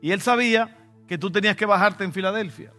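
Here a pastor from the Dominican Republic, with a Dominican Spanish accent, speaks quickly in a high-sitting, sharp voice while faint music plays. His sermon is conversational and anecdotal, with abrupt moments of strong emphasis.

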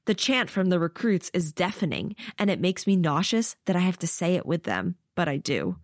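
A woman's voice: lowish voice, very animated, moderate pace, no echo, clean studio sound. A woman voicing a harsh male military officer who taunts and pushes recruits in an audiobook. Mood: taunting. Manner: taunting, domineering.

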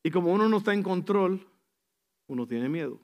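A male pastor delivers a sermon in a fairly high voice. He acts out small scenes and swings between hushed, slowed-down asides and loud, lively bursts, now and then slipping in an English phrase. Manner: animated, acts out scenes with sudden shifts between soft and loud.

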